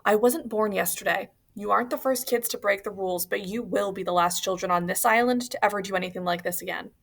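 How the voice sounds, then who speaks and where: A woman's voice: mid-range voice, fast, gravelly. Woman reading as a stern prison warden. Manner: stern, scolding. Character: stern male prison warden, strict and angry.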